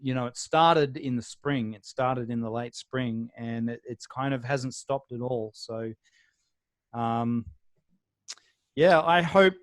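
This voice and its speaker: An Australian man joins a video call interview as a guest, speaking in a loose, meandering way with lots of pauses and false starts. His voice sits in the mid range, and the recording is dry.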